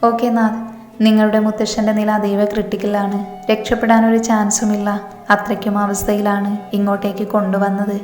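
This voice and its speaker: A woman voicing a doctor gravely delivering bad news, in a storybook reading. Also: medium pitch, completely flat delivery, fairly quick, darkish tone, lightly acted. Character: hospital doctor, matter-of-fact. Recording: echoey reverberant room, faint music.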